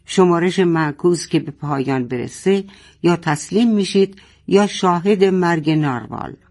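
A man's voice: a little high, a little mellow, natural voice. A man doing a roaring storybook villain. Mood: menacing. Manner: roaring, threatening. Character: menacing male villain roaring over a loudspeaker.

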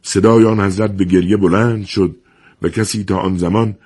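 A man's voice: on the low side, steady tone, darkish tone, husky. A man reciting a solemn mourning lament and elegiac verse in a grieving voice that rises to lamenting cries. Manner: grieving, rising to a lamenting cry. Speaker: mourning eulogist.

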